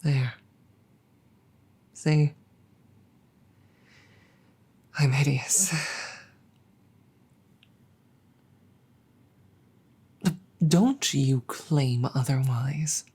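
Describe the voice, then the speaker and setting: Voicing a dragon girlfriend for a roleplay audio drama, a woman speaks with formal apologies and frequent halting stammers, sounding both embarrassed and affectionate. The bass-range voice is warm with a breathy edge and heavily acted, and the mood is resigned and self-loathing.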